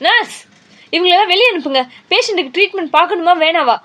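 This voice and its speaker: A woman's voice: very high-pitched, lively intonation, quick pace, a bit bright. A woman voicing a firm, professional female doctor in a cartoon, speaking in an instructive way. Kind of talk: cartoon dubbing.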